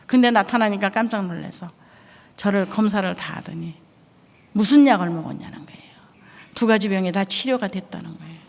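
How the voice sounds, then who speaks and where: A woman's voice: mid-range voice, fairly quick, vocal fry, a little hiss or hum. A middle-aged woman from Korea, a missionary giving an earnest, emotional church testimony. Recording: echoey church hall.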